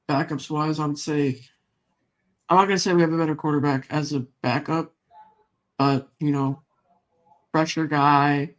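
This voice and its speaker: A man hosting a casual sports podcast, talking fast and rambling with lots of fillers. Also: on the high side. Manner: quick, rambling, with many fillers. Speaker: podcast host.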